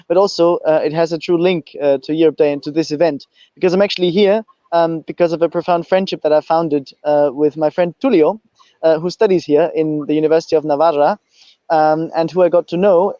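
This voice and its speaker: A man's voice: a little high, mellow, dry recording, lo-fi sound. A young man from Austria, giving panel remarks as a youth movement president, hesitant with frequent fillers, on a video call. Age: young adult. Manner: hesitant, many fillers and restarts.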